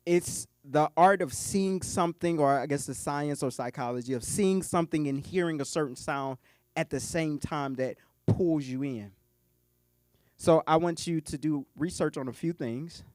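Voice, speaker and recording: Lively joking man giving a keynote. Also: a little high, normal speed, no room sound, clean studio sound. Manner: animated, joking, talks straight to the audience. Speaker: keynote speaker and business coach. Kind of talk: live motivational keynote talk. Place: conference luncheon hall.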